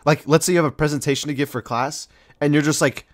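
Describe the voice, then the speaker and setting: A man's voice: a little high, steady tone, fast talker, no echo, studio quality. A young man hosting a casual countdown video, rambling in slang with many fillers and acting out quoted voices. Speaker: video host.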